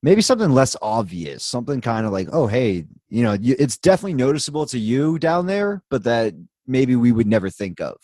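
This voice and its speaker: A man's voice: medium pitch, very animated, a little fast, few pauses, darkish tone, dry recording, clean studio sound. A man hosting a live show in casual chat, rambling along with easygoing asides. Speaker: host.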